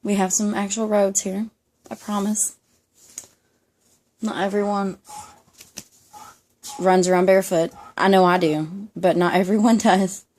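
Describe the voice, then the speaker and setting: A woman's voice: medium pitch, steady tone, unhurried, pauses often, darkish tone. A young woman with a Southern American accent chatting casually to camera at home, rambling with many ums and laughing often. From Southern United States. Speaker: vlogger. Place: home room, dog nearby.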